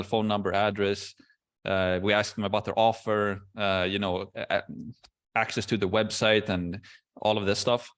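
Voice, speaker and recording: A man hosting a casual Q&A video call, explaining processes step by step in a relaxed way with many fillers. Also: fairly low pitch. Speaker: course host answering questions.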